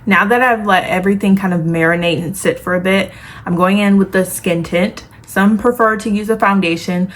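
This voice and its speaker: A woman's voice: medium pitch, fairly even intonation, normal speed. A woman vlogger giving a casual, chatty makeup tutorial, talking familiarly to viewers with a lisp from the retainer she is wearing. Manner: girly, familiar asides to viewers. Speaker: beauty vlogger. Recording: clear background noise, room ambience.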